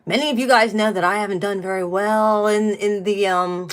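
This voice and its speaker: Woman, middle-aged, casual card reader, chatty, blunt, swears, middle pitch. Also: fairly even intonation, moderate pace. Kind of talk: casual spiritual card reading.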